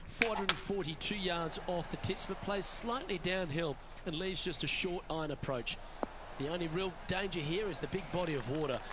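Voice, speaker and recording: Male golf commentator for a sports game, acted: slightly high voice, composed, measured broadcast play-by-play, heavy background noise. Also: close to an everyday voice. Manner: measured broadcast delivery, describing holes and shots. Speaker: golf commentator, lead announcer.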